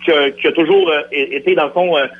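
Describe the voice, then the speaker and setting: A man's voice: fairly high pitch, fairly even intonation, fast talker, slightly rough. A man with a Quebec French accent, a radio guest arguing insistently in a heated debate. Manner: insistent, argumentative. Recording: lo-fi radio broadcast.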